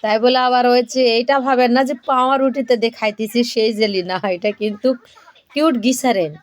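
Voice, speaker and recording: A woman's voice: fairly high pitch, fairly even intonation, a little fast. Chatty older woman showing a home recipe. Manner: chatty, keeps checking the viewer follows. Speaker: home cooking vlogger. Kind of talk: casual cooking demonstration.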